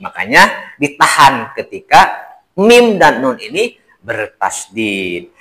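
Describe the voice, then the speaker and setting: A man's voice: mid-range voice, big pitch swings, slow pace, bright, forceful tone. A man teaching Quran recitation, over-enunciating and stretching key words with emphatic repetition. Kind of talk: spoken tajwid lesson with demonstrated recitation.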